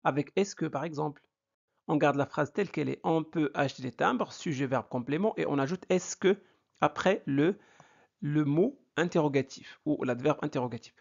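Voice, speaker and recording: A man teaching a grammar lesson, slow and deliberate, repeating example sentences with exaggerated question intonation. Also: on the high side, gravelly. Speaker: French teacher. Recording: dull lo-fi recording.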